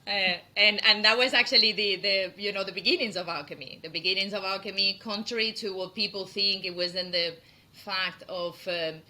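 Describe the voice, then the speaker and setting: A middle-aged woman from Spain with a Spanish accent, chatting in an interview about her work as a perfume founder, laughing often and filling pauses with "um" and "uh". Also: mid-range voice, fairly even intonation. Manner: laughs often, warm and chatty with many fillers. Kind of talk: interview conversation.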